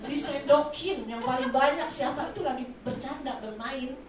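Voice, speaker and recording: A woman preaching a sermon from Indonesia, impassioned, swinging between soft asides and loud exclamations, in a large church hall. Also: high-pitched, moderate pace, slight background noise. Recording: echoey hall from far off.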